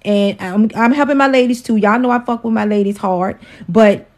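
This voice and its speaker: A woman's voice: medium pitch, normal speed, a little mellow. A woman in her forties hosting a casual livestream about relationships, outspoken, profane and preachy as she lectures her viewers. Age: 40s. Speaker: host, wife.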